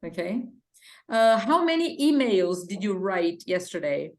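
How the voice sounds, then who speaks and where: A woman's voice: mid-range voice, big pitch swings, slow pace. A woman with a Brazilian Portuguese accent, patiently teaching an English lesson and drilling pronunciation. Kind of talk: one-on-one language lesson. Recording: roomy echo.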